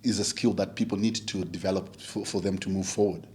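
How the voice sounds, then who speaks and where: A man's voice: low voice, steady tone, darkish tone. A man hosting a radio interview, chatty and eager, often cutting in to agree. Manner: friendly, eager, quick to affirm with "yeah". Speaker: radio show host. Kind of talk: conversational interview.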